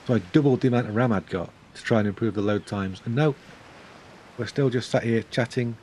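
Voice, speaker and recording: A man's voice: medium pitch, a little fast, darkish tone, slight background noise. An older man chatting casually on a game stream, rambling with dry, self-mocking humor. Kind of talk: casual live-stream chat.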